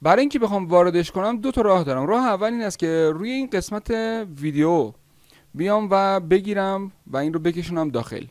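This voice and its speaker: A man teaching video editing software step by step in a screen-recorded tutorial, pausing often with "uh" as he explains. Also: high voice, lively intonation, faint music behind. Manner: step-by-step explaining, with frequent "uh" pauses.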